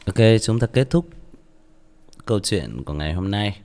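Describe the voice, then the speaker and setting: A man's voice: fairly low pitch, sing-song, moderate pace, a little mellow. A male audiobook narrator, tired, reading a story and then chatting casually with many restarts.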